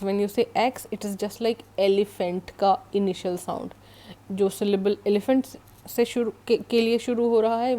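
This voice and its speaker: Indian woman teacher, unhurried and deliberate, warm mellow tone, spells examples out. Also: mid-range voice. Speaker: English grammar teacher. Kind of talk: explanatory lesson mixing Hindi and English.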